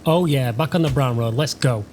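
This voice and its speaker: A man's voice: mid-range voice, normal speed, noisy background. Sarcastic man doing game commentary. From United Kingdom. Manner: sarcastic, dry mocking humour. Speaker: gaming channel host. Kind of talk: let's-play voice-over commentary.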